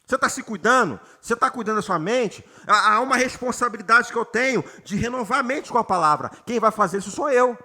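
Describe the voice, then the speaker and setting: A man from Brazil, a pastor preaching a sermon, reading scripture slowly and often calling out to the congregation with rising emphasis. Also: very high voice, lively intonation, bright, forceful tone. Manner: reads scripture slowly and has the congregation repeat words. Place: church retreat gathering.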